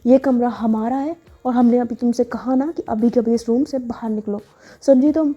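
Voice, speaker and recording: A woman's voice: on the high side, steady tone, moderate pace, husky, lo-fi sound. A woman voicing an indignant young woman who refers to herself as 'we' and fiercely guards her room.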